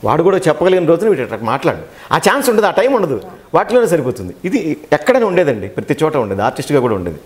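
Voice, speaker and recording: A Telugu-accented man talks fast and with energy, his voice sitting a little high for a man. He is a dubbing artist telling stories in an interview, and he acts out the lines he quotes. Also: very animated. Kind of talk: interview, animated storytelling.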